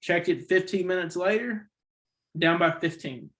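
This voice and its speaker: Higher-voiced man rambling about basketball. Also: measured pace, a bit bright. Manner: rambling, self-correcting, opinionated. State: has the hiccups. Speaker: podcast host. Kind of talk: casual sports chat.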